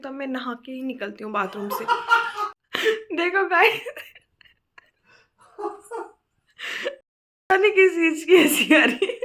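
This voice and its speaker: A woman's voice: sits high, fairly bright tone. Chatty young woman with a cold. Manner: chatty, laughing often. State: hoarse with a cold. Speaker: vlogger. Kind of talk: casual home vlog chat. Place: bedroom at home.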